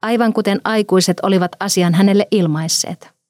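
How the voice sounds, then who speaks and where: A woman narrating a story in a calm, measured reading. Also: lowish voice, no echo, studio quality.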